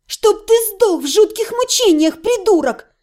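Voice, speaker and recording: A woman voicing a sharp-tongued young female mage heroine in an audiobook, with a high, biting, sarcastic delivery. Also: lively intonation, measured pace.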